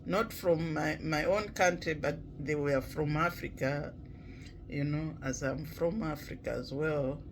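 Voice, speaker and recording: A man from Malawi, talking slowly and reflectively in a casual vlog, with many pauses and fillers. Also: a little high, fairly even intonation, a little hiss or hum, poor audio. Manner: halting, many pauses and "you know" fillers, clears throat often. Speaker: vlogger.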